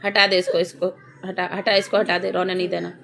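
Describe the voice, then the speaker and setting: A woman's voice: lowish voice, flat delivery, fairly quick, creaky, a bit bright. A woman teaching young children to read, speaking in a coaxing call-and-response drill and drawing out syllables for them to repeat. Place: room with small children.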